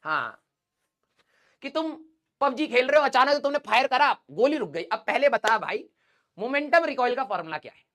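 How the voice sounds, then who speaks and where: A man's voice: very high-pitched, sing-song, moderate pace, pushed and bright. A male physics teacher joking and teasing his students in a live online class, laughing often and dropping English physics terms into casual talk.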